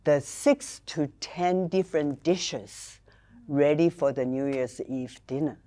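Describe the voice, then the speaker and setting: An older woman with a very low, mellow voice speaks slowly as a guest. She explains traditions carefully, in a storytelling way. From China and Taiwan. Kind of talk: conversational interview.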